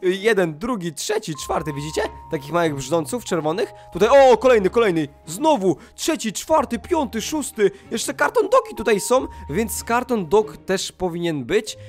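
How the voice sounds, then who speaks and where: A man doing excitable let's-play commentary, talking straight to his viewers and yelping when surprised. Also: high voice, moderate pace, hardly any pauses, faint music behind. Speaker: gaming YouTuber.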